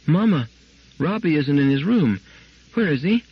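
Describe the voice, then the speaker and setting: A man reading a story aloud, voicing a little girl who begs for her lost robot friend in a high, pleading voice. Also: big pitch swings, brisk, slightly rough, highs cut off. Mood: frightened.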